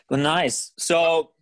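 A tired man hosting a casual podcast, laid-back and quick to swear and laugh. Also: on the high side, fairly bright tone. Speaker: podcast host.

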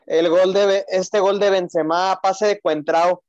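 A man's voice: high voice, fairly even intonation, measured pace, darkish tone, no echo. A young man co-hosting a football podcast as an emotional fan, chatting casually and repeating his phrases. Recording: roomless dry, slightly dull lo-fi audio.

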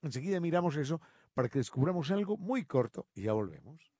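A man presenting a radio segment on how words changed from Latin, drawing out each example word slowly and with emphasis. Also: a little high, very animated, mellow, no room sound, lo-fi sound. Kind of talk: explanatory talk on word origins.

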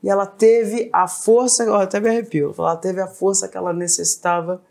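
A woman's voice: medium pitch, fast talker, creaky. A middle-aged woman with a Brazilian accent, a singer telling stories in a casual podcast chat, acting out the voices of the people she quotes and often tagging her lines with "né" and "assim". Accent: Brazilian Portuguese. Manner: animated, acts out quoted dialogue, frequent "né" and "assim". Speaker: guest singer.

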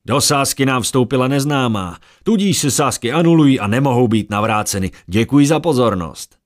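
A man's voice: expressive, lightly acted. A man voicing a young, greedy, slick squire who works crowds like a showman. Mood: barking. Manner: loud barker-style pitching.

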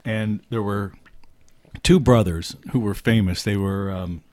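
A man co-hosting a podcast, telling a story in a calm, low-key way. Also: a little slow, no echo. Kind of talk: casual interview chat.

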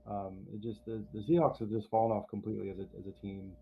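Gravelly low man on a tinny line. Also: flat delivery. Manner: halting, with many restarts and fillers, teasing. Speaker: co-host. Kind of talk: casual fantasy football chat. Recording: tinny phone-like line with faint noise.

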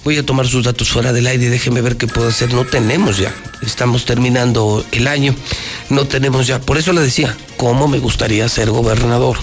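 A man's voice: mid-range voice, fairly even intonation, fairly quick. Emphatic Mexican man hosting a phone-in show. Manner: emphatic, repetitive, colloquial, sarcastic rhetoric. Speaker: radio and TV talk show host. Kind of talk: live phone-in opinion commentary. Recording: music bed behind the voice. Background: background music.

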